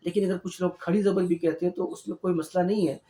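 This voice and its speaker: A man's voice: high-pitched, steady tone, dark tone. Patient man teaching letter sounds, echoey room. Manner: patient, explains step by step, repeats syllables slowly. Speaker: Quran reading teacher. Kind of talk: online lesson, slow drilled letter sounds.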